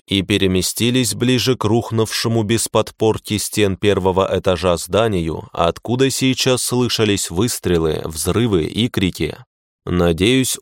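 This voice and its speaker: A man reading a fantasy audiobook in a measured, grim first-person narration. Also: deep voice, no room sound, clean studio sound.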